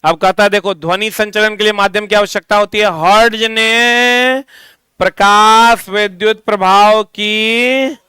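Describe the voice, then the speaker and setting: A male teacher leads a physics lesson, asking questions and slowly repeating the answers for students to write down. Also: high voice, fairly even intonation, pushed and bright, smooth, no room sound. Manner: drifts into stern ranting.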